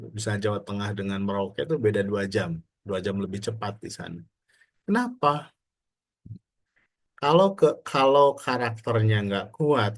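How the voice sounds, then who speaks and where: Guy lecturing a class, chatty, keeps throwing questions at students. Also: lowish voice. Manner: conversational, asks students rhetorical questions; frequent Indonesian fillers and restarts. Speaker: university lecturer.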